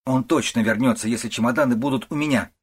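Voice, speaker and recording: A man reading an audiobook, voicing a shrill, hysterical older woman who wails and accuses, in a husky voice. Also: fast talker, close to an everyday voice. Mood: shrieking. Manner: wailing, shrieking, accusing.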